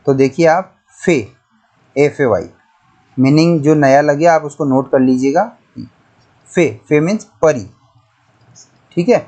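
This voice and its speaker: A man's voice: a little high, normal speed, dark tone. A man teaching an English grammar lesson, methodical and repetitive, spelling words out letter by letter. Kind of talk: classroom-style lesson explaining pronunciation.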